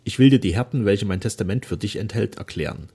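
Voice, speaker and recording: A man's voice: on the low side, animated, quick pace, a little mellow, slightly rough. A man voicing an ailing old nobleman father, speaking solemnly and wearily in formal old-fashioned language. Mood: solemn remorse. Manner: solemn, weary, formal speech.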